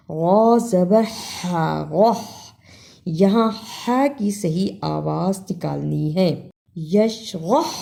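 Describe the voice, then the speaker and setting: A woman teaching Quran recitation rules. She spells out letters and vowel marks slowly, then explains them quickly. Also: medium pitch, creaky, mellow. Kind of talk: tajweed lesson with slow recitation.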